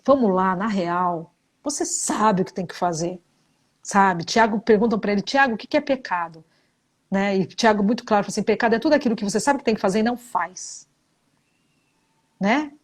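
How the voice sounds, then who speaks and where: A middle-aged woman psychologist speaks briskly at medium pitch during a live talk answering viewer questions. Her relationship advice is blunt and emphatic, and she repeats her key points within a religious framing.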